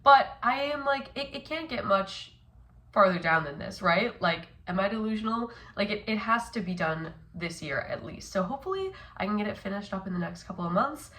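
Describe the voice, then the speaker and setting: A woman's voice: medium pitch, lively intonation, normal speed, a bit bright. A young woman vlogging casually about her makeup while sick, chatty and upbeat with plenty of fillers. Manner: chatty, upbeat, lots of likes and ums. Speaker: beauty vlogger. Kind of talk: casual vlog chat.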